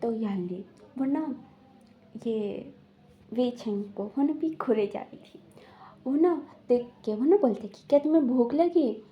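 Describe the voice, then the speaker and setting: A woman's voice: a little high, expressive, slow pace, long pauses, lo-fi sound. A woman casually retelling a drama plot, rambling with many fillers and quoting the characters. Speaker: drama recap narrator. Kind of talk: casual storytelling recap.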